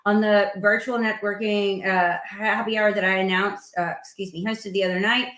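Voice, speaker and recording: A woman hosting a casual interview, chatty and filling pauses with ums. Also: mid-range voice, fairly even intonation, fairly bright tone, reverberant. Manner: chatty, with frequent fillers. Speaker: host.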